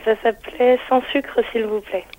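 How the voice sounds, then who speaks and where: A woman's voice: fairly high pitch, fairly even intonation, moderate pace, no room sound. A woman gives an interview over a dry, narrow telephone line. Her voice is thin, tender and a little old-fashioned, with rolled R's. She answers casually, hesitating and repeating words as she looks for the next one. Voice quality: thin, tender, slightly retro voice. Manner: hesitant, searching, frequent repetitions. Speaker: singer interviewed as phone-in guest. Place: on a phone call to radio.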